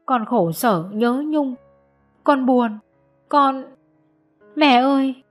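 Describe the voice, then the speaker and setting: A woman's voice: high voice, extremely slow, voice pushed up, heavily acted. A woman voicing a lovesick teenage girl in an audiobook, pleading and choked with tears, over faint music. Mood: tearful pleading. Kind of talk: audiobook character voice.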